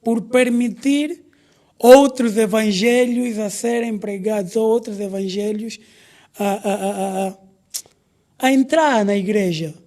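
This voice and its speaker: High-pitched mellow man, measured. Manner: measured, with soft affirming murmurs. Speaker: podcast co-host, psychologist. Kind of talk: casual conversation.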